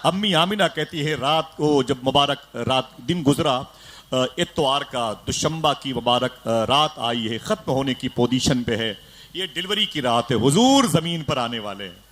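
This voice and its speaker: A preacher from India tells an emotional story to a gathered crowd. His voice sits in a middle range but swings from near whispers to loud exclamations. A faint hum of noise runs behind him. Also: mid-range voice, lively intonation, a little slow. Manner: dramatic, swings from hushed to loud exclamations, calls on audience. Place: gathering for a religious celebration.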